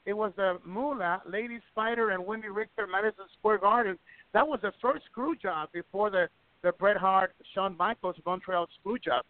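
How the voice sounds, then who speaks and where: A man's voice: high voice, moderate pace, no echo. Man from Ecuador over a phone line. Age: middle-aged. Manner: rambling, repeats words, many restarts. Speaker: wrestling promoter and guest. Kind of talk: casual radio interview storytelling.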